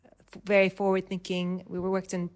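Soft-pitched woman with a flat, measured delivery. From Dubai. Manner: measured, with frequent ums and restarts. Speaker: urban planner guest. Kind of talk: thoughtful interview answers.

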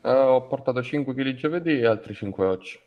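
A man through a voice changer as a gruff gang courier. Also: medium pitch, quick pace, lo-fi sound. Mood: businesslike. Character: gruff male gang drug courier, businesslike. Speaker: roleplay character, drug dealer. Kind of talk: in-character roleplay chat.

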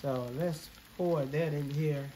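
A congested man narrating a casual cooking video from his home kitchen, relaxed and chatty, talking to viewers as y'all. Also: fairly high pitch, slow pace, a little hiss or hum. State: congested, coughing. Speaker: home cook.

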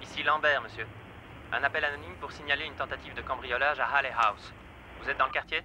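A man's voice: mid-range voice, fairly even intonation, quick pace, sharp tone, rough recording. A man playing a businesslike police dispatcher calling over the radio in a dubbed TV crime drama. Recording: car radio call, faint background noise.

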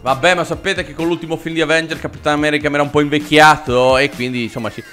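A man's voice: on the high side, steady tone, fast, fairly bright tone, faint music behind. A man hosting a casual comedic reaction video, sarcastic and full of mock outrage.

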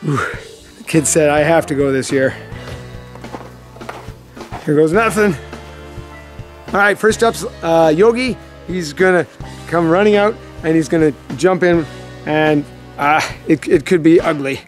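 A man's voice: on the high side, a little slow, long pauses. A man in his forties hosts a family vlog. He gives casual, homemade commentary, with music playing behind his voice. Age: 40s. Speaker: father hosting a family vlog.

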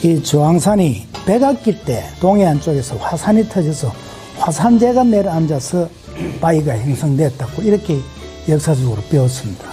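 A middle-aged woman speaks casually. Her voice sits low and is soft-edged and mellow, with faint music underneath. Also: very animated, normal speed. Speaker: local resident, woodcraft shop owner. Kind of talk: casual talk show chat and explanation.

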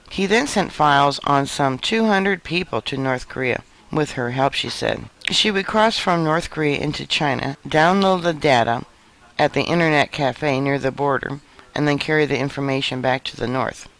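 A man reads a news report in an even, measured way. His voice sits a little higher than most men's, and he keeps a scripted narrator's delivery throughout. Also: poor audio. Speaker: news reader.

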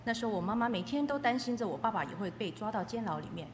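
Speaking quickly and expressively, a medium-pitched woman interprets a testimony one phrase at a time. The setting is an echoey hall, so her voice carries hall reverb over faint background noise.

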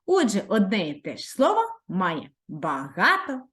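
A woman's voice: medium pitch, huge pitch swings, a bit bright. A woman primary school teacher giving a video reading lesson to young children, drawing words out and encouraging them. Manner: drawn-out, sing-song words for children.

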